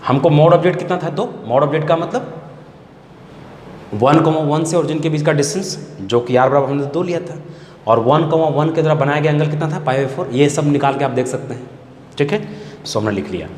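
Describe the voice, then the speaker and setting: In an echoey hall with faint background hiss, a man with a Bihari Hindi accent teaches a math lecture in a slightly high, somewhat mellow voice at a moderate pace. He repeats his points and poses questions to the class that he answers himself.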